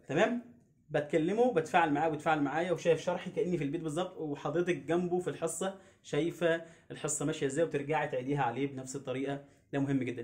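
A man with an Egyptian Arabic accent teaching English pronunciation online, drilling each word slowly and repeating it many times. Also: a little high, a little mellow. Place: home teaching setup on camera.

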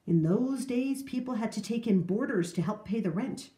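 A woman's voice: fairly high pitch, lively intonation, dark tone, natural voice. Woman reading as an earnest old grandmother. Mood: solemn. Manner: solemn, measured telling. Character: earnest old grandmother recalling hard times. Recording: roomy echo.

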